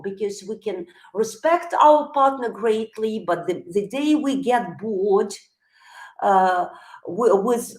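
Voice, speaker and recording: Slow, unhurried woman lecturing in a roomy echo. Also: a little high. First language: Russian. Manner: thoughtful, with frequent hesitations and restarts. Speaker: psychology teacher on a live stream. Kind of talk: live-streamed lecture.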